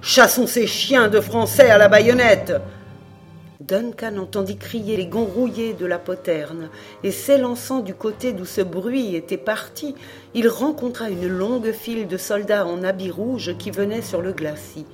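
A woman reading a classic adventure novel aloud as an audiobook narrator, with expressive storytelling. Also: mid-range voice, measured pace, faint music behind. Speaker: audiobook reader.

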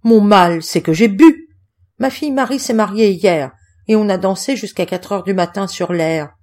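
A woman voicing a hungover, grumbling middle-aged male roadman who whines and complains loudly in an audiobook. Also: fairly low pitch, lively intonation, normal speed. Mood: grumbling, complaining. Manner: whining, complaining, loud.

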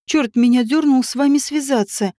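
A woman's voice: sits high, moderate pace, mellow, no room sound, studio quality, natural voice. A woman voicing a flustered heavyset man who stammers and whines. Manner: stammering, whining.

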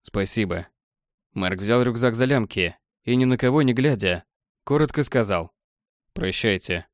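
A man narrating an audiobook in an even storytelling manner. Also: mid-range voice, normal speed, no room sound, clean studio sound. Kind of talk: scripted narration.

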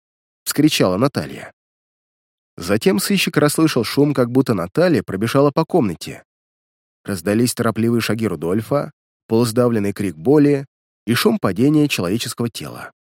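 A man narrating a detective story as an audiobook, with expressive reading. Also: medium pitch, moderate pace, dry recording, studio quality.

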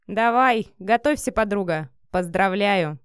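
A woman's voice: mid-range voice, lively intonation, a little slow, smooth, no echo, studio quality, close to an everyday voice. A woman voicing a brash, loyal, hot-tempered young female friend in an audiobook, with a blunt, aggressive manner. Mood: encouraging.

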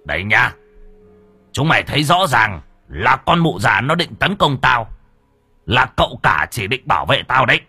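A man's voice: medium pitch, sing-song, normal speed, gravelly, pushed and bright, slightly rough, dry recording, faint music behind, voice pushed up, heavily acted. A man doing a domineering village landlord. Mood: commanding. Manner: domineering, gloating. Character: cruel, arrogant rich village landlord.

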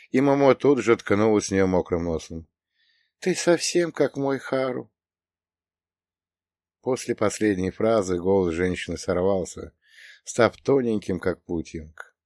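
A man reads a first-person audiobook with a wry, ironic touch. His voice sits on the low side. The recording is close and dry, with no room sound. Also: darkish tone, no echo. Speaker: audiobook narrator. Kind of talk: scripted first-person narration.

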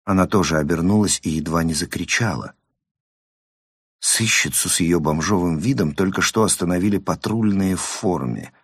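Deep-voiced male audiobook narrator. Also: normal speed, breathy edge, no echo, studio quality.

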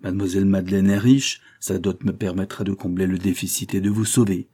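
A man reading the lines of a cold, scheming aristocrat who threatens in a smooth, controlled way. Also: deep voice, steady tone, brisk, warm tone. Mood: menacing.

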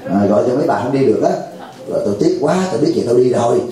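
Jovial monk in an echoey hall. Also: male voice, mid-range voice, lively intonation, rapid-fire, warm tone. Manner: jovial, teasing, acts out a caller's pleading voice. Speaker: Buddhist monk teacher. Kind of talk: dharma talk to lay audience.

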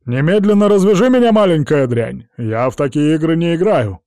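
A man voicing a blustering middle-aged colonel who growls and shouts his denials. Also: medium pitch, unhurried, dry recording, studio quality, lightly acted. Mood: angry bluster.

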